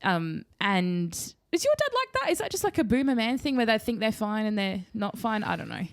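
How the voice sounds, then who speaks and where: A young adult woman with an Australian accent, co-hosting a casual podcast and telling a story in an animated way, laughing often and swearing casually. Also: medium pitch, brisk, no room sound, studio quality. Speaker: podcast co-host.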